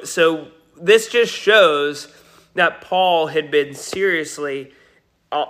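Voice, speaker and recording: A man's voice: fairly high pitch, bright, forceful tone. A pastor giving a Sunday sermon, his voice nasal today, speaking earnestly with frequent restarts. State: nasal from a cold.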